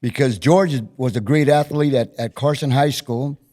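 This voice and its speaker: Mellow-voiced middle-aged male host. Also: mid-range voice, moderate pace. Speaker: host, former teacher and coach. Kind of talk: casual interview conversation.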